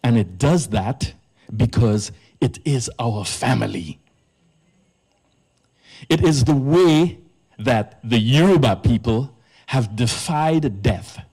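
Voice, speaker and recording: A man's voice: medium pitch, lively intonation, slow pace, pauses often, darkish tone, slightly rough. A man from Trinidad, a priest giving an earnest public lecture at a live event in an arts centre, stressing his key words.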